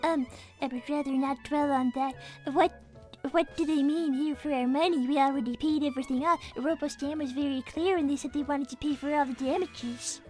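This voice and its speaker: Woman voicing a polite, high-pitched little rabbit girl. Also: steady tone, fairly quick, darkish tone, soft background music, close to an everyday voice. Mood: defensive, worried. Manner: polite, hesitant, earnest. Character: Cream, polite timid little rabbit girl, owner's daughter. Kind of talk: improvised character livestream.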